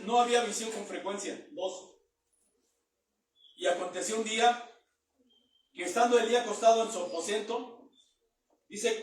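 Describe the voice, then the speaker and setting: A man's voice: high-pitched, slight background noise. A man preaching a Bible teaching sermon, reading verses aloud and then explaining them in plain words. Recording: very echoey room, mic far off.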